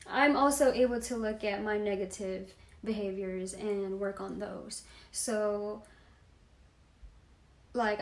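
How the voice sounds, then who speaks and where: A woman's voice: medium pitch, echoey room. A young woman casually telling a personal story on her vlog, slangy and full of "like". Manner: slangy, fills talk with "like".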